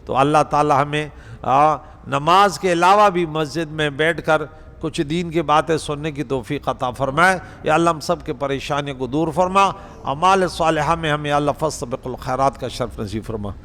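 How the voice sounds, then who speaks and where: A man's voice: a little high, fairly bright tone. A male preacher giving a conversational Quran lesson in a mosque, speaking directly to the congregation. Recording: reverberant prayer hall.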